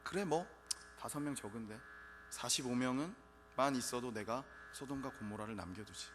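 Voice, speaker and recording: A man voicing God as a calm, indulgent figure who gives way to a plea in a retold dialogue, speaking easily and concedingly. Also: medium pitch, normal speed, lightly acted. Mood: relenting. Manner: easygoing, conceding. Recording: reverberant church hall, faint music.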